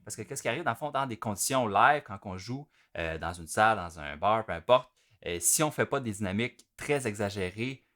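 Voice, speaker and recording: A man giving a relaxed, conversational drum lesson, full of fillers. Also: lowish voice, a little fast. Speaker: drum teacher. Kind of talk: casual spoken instruction. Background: drum playing.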